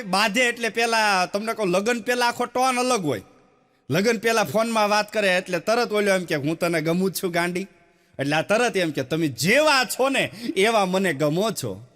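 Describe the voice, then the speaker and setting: A man's voice: sits high, a bit bright. A man telling folk jokes on stage, acting out the dialogue and laughing along. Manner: acts out dialogue, laughs along, drawls some lines. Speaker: stand-up comedian. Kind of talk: Gujarati folk comedy storytelling.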